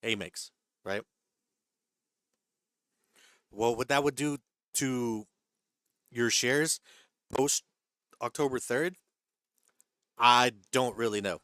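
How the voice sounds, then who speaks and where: A man's voice: mid-range voice, takes it slowly, pauses often, pushed and bright, no echo. Male livestream host, mid-range voice, dry close mic, hedging conversational explainer. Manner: hedging, repeats himself, checks in with "right?" and "okay?"; reads viewer chat aloud and answers it. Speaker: stock trading livestream host. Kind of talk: live-stream Q&A, explaining market rules.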